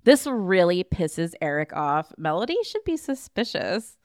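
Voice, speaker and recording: Woman podcast host, smooth voice, dry close sound, casual movie recap with sarcastic jabs. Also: lowish voice, sing-song, measured pace, darkish tone, no room sound. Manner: wry, sarcastic asides between plot summary.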